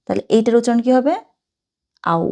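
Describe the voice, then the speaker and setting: A woman from Bangladesh, teaching German in a casual online lesson, sounding chatty and reading example phrases slowly and carefully. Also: a little high, expressive, dark tone.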